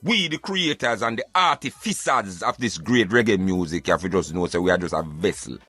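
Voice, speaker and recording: Deep and husky, this Jamaican-accented man speaks fairly quickly as a radio host, with faint music behind him and no echo. He gives his opinions casually and emphatically, addressing the audience like friends. Animated throughout, he keeps calling them brethren.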